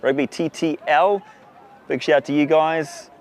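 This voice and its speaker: A man giving live rugby commentary outdoors, chatty and excitable, greeting viewers between plays. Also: on the high side, measured pace. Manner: chatty, excitable, gives shout-outs to viewers. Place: outdoors at a sunny rugby ground.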